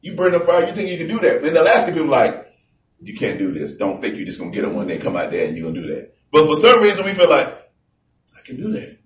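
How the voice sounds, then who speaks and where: A man preaching in a loose, conversational way. He slows down and presses hard on the scripture he reads aloud. The recording is roomy and distant, with faint background noise. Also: on the high side, very animated. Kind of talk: sermon. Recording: echoey room from far off.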